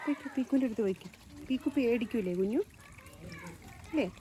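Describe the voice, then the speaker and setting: A woman's voice: a little high, animated, fairly quick, mellow, a little hiss or hum. A woman hosting a casual walking vlog outdoors in her garden, talking into a handheld phone and coaxing her pets in baby talk. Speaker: vlog host.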